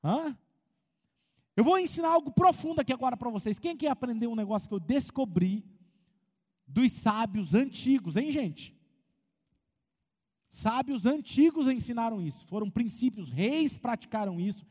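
A Brazilian man preaching as a pastor, animated, asking the crowd questions and acting out quotes. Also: extremely high pitch, moderate pace, long pauses, husky. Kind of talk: lively sermon with humor. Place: church hall. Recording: long hall reverb.

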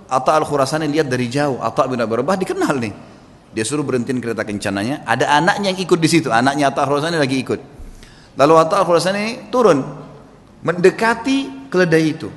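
Male preacher, animated storytelling sermon, acts out quoted voices, long reverb around him. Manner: animated, acts out quoted speakers with big pitch swings.

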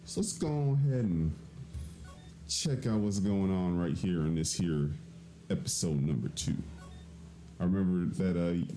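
A man's voice: deep voice, a little slow, pauses often, warm tone, soft background music, poor audio. A young man casually hosting a video game let's play, hyped and joking with slangy talk.

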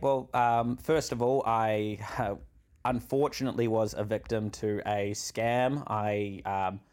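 A New Zealand man with a fairly low, darkish voice appears as a podcast guest. He tells candid personal stories in a rambling way, laughing as he goes and using many fillers.

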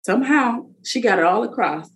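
A woman's voice: fairly high pitch, lively intonation, fairly quick, a little hiss or hum. A young woman from a Haitian family co-hosting a casual podcast, playful and laughing, firing off mock-incredulous questions. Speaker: podcast co-host.

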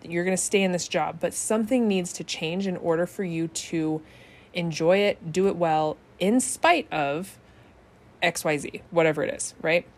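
A woman hosts a casual self-help talk in a slightly low, relaxed voice. She is chatty and laughs easily, tossing in "right?" as she goes. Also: moderate pace. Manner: chatty, often asks "right?".

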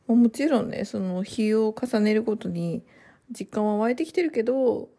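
A woman, a new mother, chatting casually to her viewers in soft, rambling sentences full of fillers and pauses. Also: on the high side, lively intonation. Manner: trails off in long run-on sentences. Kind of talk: casual chat to camera.

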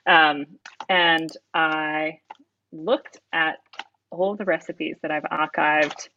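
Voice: medium pitch, fairly even intonation, slow pace, sharp tone, slight background noise. Australian host, casual, teasing, reminiscing; dull lo-fi audio. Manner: reminiscing, playful teasing, frequent restarts. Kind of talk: casual chat. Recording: dull lo-fi recording.

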